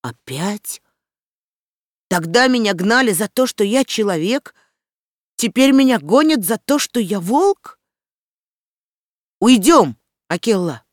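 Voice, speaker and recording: Reader doing a defiant jungle boy, bossy and mocking, loud, dry audiobook sound. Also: medium pitch, lively intonation, takes it slowly, long pauses, no room sound, voice pushed up. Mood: commanding. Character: defiant boy raised by wolves.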